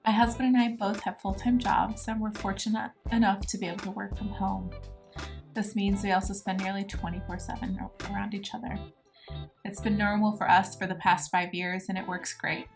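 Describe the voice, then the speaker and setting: A woman's voice: mid-range voice, level tone, moderate pace, creaky. A woman in her thirties from Norway, reading a plain, matter-of-fact voice-over for her DIY video. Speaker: DIY vlogger. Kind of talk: scripted voice-over narration. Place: voice-over, not recorded on site. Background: guitar music.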